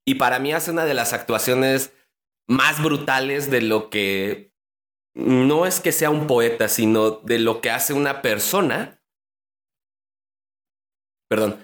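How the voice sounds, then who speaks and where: A man's voice: mid-range voice, slow, pauses often, fairly bright tone. A man from Iztapalapa with a strong chilango accent, co-hosting a podcast, explaining a film with keen, slangy enthusiasm. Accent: chilango Mexico City Spanish. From Iztapalapa, Mexico City. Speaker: podcast co-host. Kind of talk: casual podcast chat.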